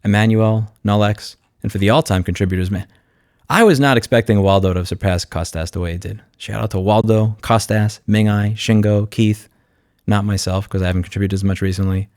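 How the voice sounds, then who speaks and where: A fairly low, steady, slightly mellow male voice moves along briskly. He's a YouTube host and consumer rights advocate improvising a blunt, sardonic vlog monologue while walking through his screen, with clean studio sound and no room tone.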